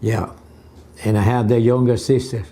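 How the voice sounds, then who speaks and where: An older man from Cuba answering an oral history interview at home in short, halting replies. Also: medium pitch, little pitch movement, dark tone.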